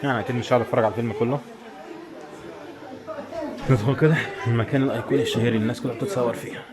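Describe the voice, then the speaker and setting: A travel vlogger with an Egyptian Arabic accent walks around a tourist village and its shops, giving viewers a casual running commentary. His medium-pitched voice is fairly even in intonation and rapid-fire, with a busy crowd and street bustle behind him.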